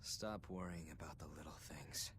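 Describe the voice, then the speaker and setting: An actor playing a carefree, battle-loving swordsman from a video game, speaking in a breathy near-whisper. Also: extremely low pitch, normal speed, noisy background.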